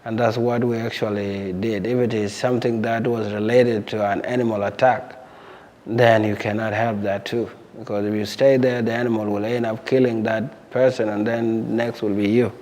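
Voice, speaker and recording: A young man from Sudan, recounting his life story in a measured, plain way and often pausing to repeat words. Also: lowish voice, level tone, a little mellow. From South Sudan. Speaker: interviewee. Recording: long hall reverb.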